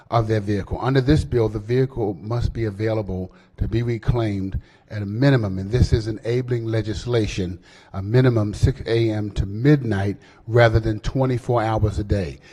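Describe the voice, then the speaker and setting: A man speaking as senate floor leader, explaining a bill in a halting floor speech with many fillers and restarts. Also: lowish voice, dark tone, breathy edge. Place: legislative chamber. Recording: long hall reverb.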